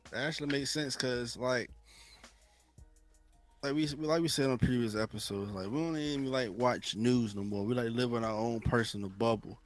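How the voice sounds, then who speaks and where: A man's voice: medium pitch, steady tone, moderate pace, faint music behind. A young man co-hosting a podcast, talking bluntly and with profanity in a laid-back way. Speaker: podcast co-host. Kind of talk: casual podcast chat.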